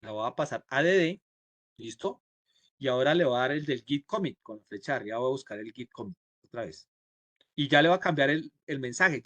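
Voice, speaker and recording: A man's voice: medium pitch, a bit bright, no room sound. Man teaching a live coding class. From Colombia. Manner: explains step by step, asks students ¿sí? and ¿cierto?; acts out the computer's replies in quotes. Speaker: programming instructor.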